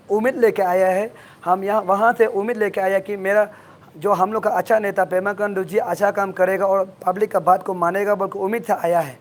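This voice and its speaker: Hoarse, earnest man with a high voice. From Arunachal Pradesh, India. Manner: earnest, repetitive, insistent. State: hoarse from shouting. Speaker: activist guest. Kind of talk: impassioned interview answers.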